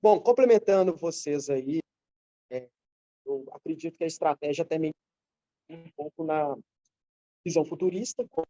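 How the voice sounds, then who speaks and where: Male panelist, dark mellow voice, dry close sound, his call audio choppy and dropping out. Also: a little high, no echo, low-quality recording. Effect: video call audio breaking up and cutting out. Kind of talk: online panel discussion. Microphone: video call.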